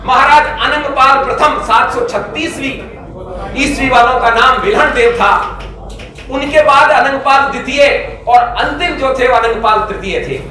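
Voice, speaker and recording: A man's voice: very high voice, moderate pace, pushed and bright. A middle-aged man giving a formal, emphatic talk at a press conference, listing names and dates as he lectures. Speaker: press conference speaker on history. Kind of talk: formal public address. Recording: echoey room, speaker far from mic.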